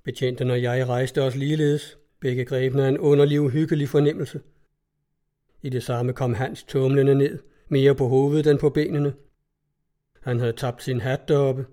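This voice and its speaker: A man reading a story aloud in a steady, measured narration. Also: mid-range voice. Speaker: audiobook narrator.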